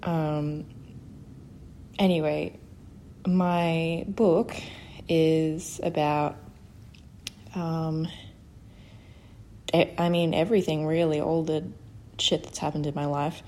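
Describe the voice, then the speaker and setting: A young woman in her twenties talks through her solo podcast in a low, mellow voice. She speaks slowly and hesitantly, stumbling over fillers and restarts as she admits her nerves. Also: level tone, slight background noise. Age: 20s. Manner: nervous, many fillers and restarts. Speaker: podcast host. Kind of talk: casual solo podcast talk.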